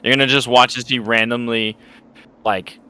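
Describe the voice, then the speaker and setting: A man playing a tabletop game, telling his character's actions in a relaxed, storytelling way. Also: medium pitch, normal speed, clean tone. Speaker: player.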